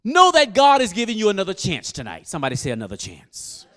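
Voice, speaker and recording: A man preaching a sermon, quizzing his congregation and building up to loud exhortation. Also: sits high, quick pace. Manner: call-and-response with the congregation; animated, rising to loud exhortation. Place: church service.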